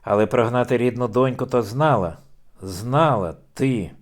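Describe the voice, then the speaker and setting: A man's voice: medium pitch, unhurried, lightly acted. A man doing a furious old noble official. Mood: angry. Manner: stern, bursts into furious shouting. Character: stern older noble official, explosive temper. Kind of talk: audiobook reading.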